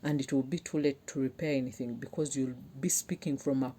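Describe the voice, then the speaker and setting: A woman's voice: very deep voice, steady tone, fairly quick, dark tone, slight background noise. A young woman vlogger talking earnestly to her viewers, pleading and heartfelt as she gives relationship advice. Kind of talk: personal talk to camera.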